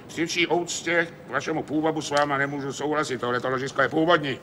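Male machinery expert, 1980s TV drama, sarcastic, scolding, bright, somewhat high. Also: fairly even intonation, a little hiss or hum.

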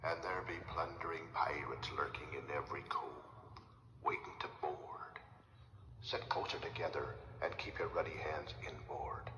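A man playing a menacing old pirate skull, a gruff, salty sea dog with a gravelly, breathy growl and ominous, teasing sailor dialect in theatrical narration. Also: extremely low pitch, fairly even intonation, moderate pace, pushed and bright. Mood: ominous warning. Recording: cavernous echo with long reverb, background noise.

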